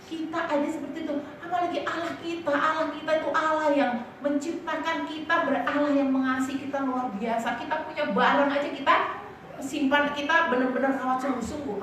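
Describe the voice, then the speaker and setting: A woman pastor preaching in a lively, chatty way, telling personal stories and often asking the congregation to agree. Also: high voice, a little fast, a little hiss or hum. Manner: lively storytelling, keeps asking the congregation "right?"; casual and chatty, often laughing as she tells stories. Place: church. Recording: echoey church hall from a distant mic.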